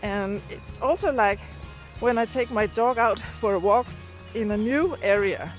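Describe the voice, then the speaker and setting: A Danish woman, a native speaker with a Danish accent, chats casually in a vlog while out on a walk, hesitating as she searches for words. A video and podcast creator, she has a slightly high voice and speaks a little slowly, recorded on a handheld device at arm's length with faint music behind.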